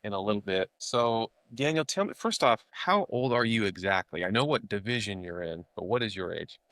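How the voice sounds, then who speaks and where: A middle-aged man with a bright, forward voice on the low side, hosting a podcast interview. He is chatty and jokey, with a casual upbeat delivery, and the sound is dry and close. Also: expressive, fairly quick, no echo.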